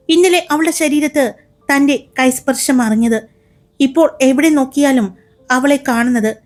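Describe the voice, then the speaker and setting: A woman narrating a serialized romance story in a smooth, dramatic storytelling manner. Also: sits high. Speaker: storyteller, channel host.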